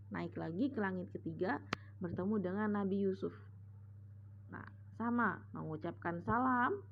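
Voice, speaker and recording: A woman teacher tells a story to her class slowly and patiently, going step by step and coming back to each point. Her voice sits at an ordinary pitch. The recording sounds dull and lo-fi, with a faint hum behind her. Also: vocal fry. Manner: patient, retelling step by step with "nah" and "sama". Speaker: religious teacher. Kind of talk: storytelling lesson.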